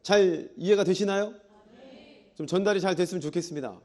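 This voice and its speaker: A man's voice: high-pitched, brisk, darkish tone. A middle-aged man preaching a sermon in a church, reading scripture and asking the congregation questions. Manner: acts out quoted dialogue. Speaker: pastor.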